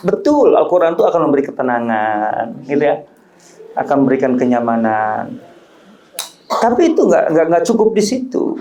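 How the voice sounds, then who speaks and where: A man's voice: a little high, big pitch swings, normal speed, pauses often, warm tone, muffled recording. Joking preacher man, lilt, echoey. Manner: joking, conversational, rising emphatic peaks. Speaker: Islamic preacher. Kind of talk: religious study talk. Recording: roomy echo.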